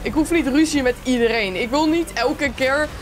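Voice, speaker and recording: A young Dutch woman commenting on her own gameplay, chatty and excitable, talking straight to her viewers. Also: high-pitched, moderate pace, slight background noise. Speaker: gaming streamer. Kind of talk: let's play commentary.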